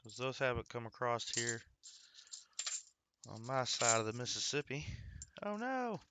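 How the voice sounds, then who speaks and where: A man's voice: mid-range voice, level tone, moderate pace, noisy background. A man hosting a coin-hunting livestream, chatting casually and greeting viewers by name as he works through rolls. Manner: chatty, talks to viewers by name while working.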